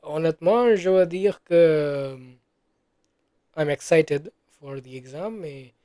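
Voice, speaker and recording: Slow, hesitant man, dry close sound. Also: a little high, mellow, dry recording. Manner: hesitant, many fillers and self-corrections. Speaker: French learner. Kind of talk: casual spoken practice monologue.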